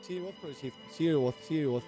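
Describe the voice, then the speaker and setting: A man with a Spain Spanish accent calmly talks a teammate through a game, repeating the same short directions over and over. His voice sits a little high but sounds mellow and soft-edged, with faint game music underneath. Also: racing. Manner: patient, repetitive step-by-step directions. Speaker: gaming streamer guiding a teammate. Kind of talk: casual gameplay coaching.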